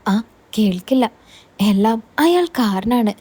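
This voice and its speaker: Bitter, worn-down aunt with a mellow, fairly high voice, sorrowful and resigned, as a woman reads her. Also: lively intonation, takes it slowly, slightly rough, full character voice. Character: middle-aged woman, weary, bitter aunt.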